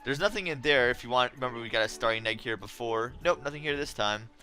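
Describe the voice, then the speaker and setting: A man's voice: mid-range voice, fast talker, sharp tone. A man giving casual, chatty game commentary as a let's play host, wry and easily annoyed.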